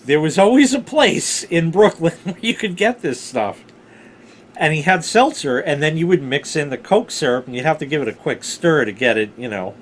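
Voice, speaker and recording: A middle-aged man telling rambling personal stories casually, with animated, salty emphasis on key words. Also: on the high side, moderate pace. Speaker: storyteller, vlog host.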